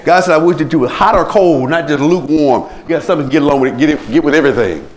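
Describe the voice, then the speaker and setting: A man delivering a sermon as a pastor, his voice swinging widely in pitch as he dramatizes the people in his stories. He moves between talking to the congregation and mimicking them. The delivery stays lively throughout. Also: racing. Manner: preachy, animated, acts out quoted people in rising pitch. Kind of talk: sermon with anecdotes.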